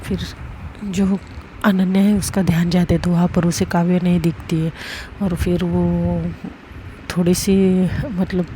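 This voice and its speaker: A woman narrating a love story in a relaxed, rambling way with fillers. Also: lowish voice, measured pace, pauses often, slight background noise, poor audio. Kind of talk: casual spoken story narration.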